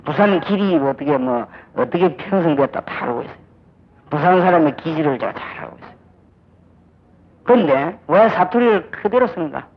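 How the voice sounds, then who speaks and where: An older man from Busan, South Korea, preaches a sermon as a pastor in a church sanctuary, his Gyeongsang accent and emphatic delivery carrying lively intonation at a fairly high pitch and normal speed. He acts out little dialogues as he goes. The clip is a dull old audio recording.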